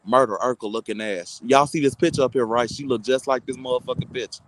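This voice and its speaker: A man's voice: mid-range voice, fairly quick, a little hiss or hum, poor audio. A content creator, a man, delivering a heated, insulting, mocking rant to his online audience.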